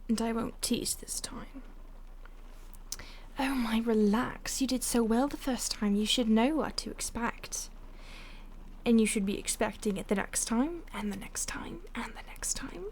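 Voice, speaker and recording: In an intimate audio roleplay, a woman plays a playful, condescending vampire stalker who is teasing and haughty. Her breathy voice sits on the high side, is a little mellow, and often drops to a whisper.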